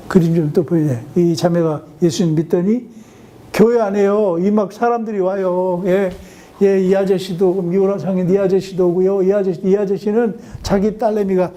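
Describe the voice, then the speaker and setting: A man, a missionary pastor, preaching a sermon in a lively storytelling way, often dropping in short affirming fillers and acting out the people in his stories. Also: sits high. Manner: lively storytelling, acts out quoted voices.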